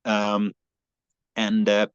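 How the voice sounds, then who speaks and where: A man's voice: fairly low pitch, monotone, drawn-out words, smooth, no echo. A Hungarian man, a native Hungarian speaker, talking earnestly in an interview, often restarting his sentences. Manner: earnest, many restarts and fillers. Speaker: guest, long-distance cyclist. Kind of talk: conversational interview. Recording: slightly dull lo-fi sound.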